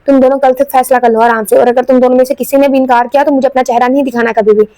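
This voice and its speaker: Woman voicing a commanding old grandfather, stern, high voice, dry sound. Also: fairly even intonation, mellow, dry recording, natural voice.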